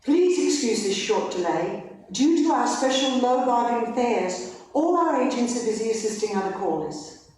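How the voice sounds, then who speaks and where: A woman's voice: fairly high pitch, normal speed, a little hiss or hum. A woman giving a polite scripted recorded phone message on an airline hold line. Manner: polite, even scripted reading. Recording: echoey playback heard from far off.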